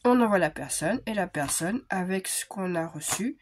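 A woman vlogging casually as she unpacks scrapbooking supplies, thinking aloud with frequent hesitations and quiet murmured asides. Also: on the low side, expressive, moderate pace, slight background noise. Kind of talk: casual unboxing chat.

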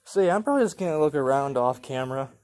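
A young man vlogging casually while walking through an antique mall, rambling, laughing often and perking up excitedly at things he spots, recorded on a handheld phone. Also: mid-range voice, racing. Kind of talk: casual handheld shop walkthrough vlog. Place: large indoor antique mall with glass cases. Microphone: phone camera held while walking.

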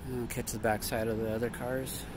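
There's a noisy background as this man casually narrates a walk through an outdoor parking lot on his handheld phone. A vlogger with a mid-range voice, he keeps a level tone and moderate pace while thinking aloud and correcting himself.

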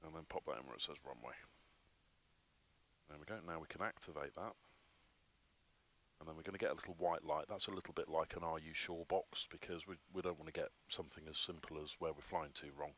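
A man's voice: a bass voice, fairly quick, a bit bright, slight background noise. A man, instructing a trainee in a flight simulator cockpit, patiently explaining each step with frequent ums. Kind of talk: hands-on instruction.

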